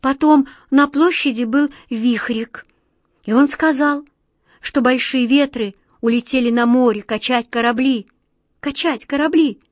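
A woman's voice: dry recording, studio quality. Woman doing Glazastik, a plaintive little girl. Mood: pleading. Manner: high, pleading, drawn-out. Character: small guilty wide-eyed girl, plaintive.

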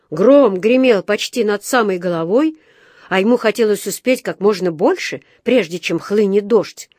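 A woman narrating a children's story in a clear, even storytelling manner. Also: medium pitch, no room sound, clean studio sound.

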